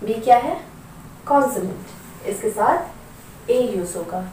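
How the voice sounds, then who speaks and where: A woman teaches grammar at a slow, careful pace, her voice sitting a little high. She repeats each practice word several times and poses questions to her learners. The sound is echoey and a bit distant from the mic, with a faint hiss behind it. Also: lively intonation, a little mellow. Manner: patient, repeats words slowly for practice; asks rhetorical questions. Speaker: English teacher.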